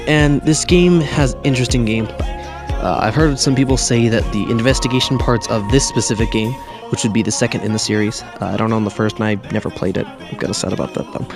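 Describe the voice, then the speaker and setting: A man's voice: fairly low pitch, fast talker, over music. A man giving a casual video game review, recorded under a blanket with pillows behind him, rambling and correcting himself with jokey asides. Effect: muffled, recorded under a blanket.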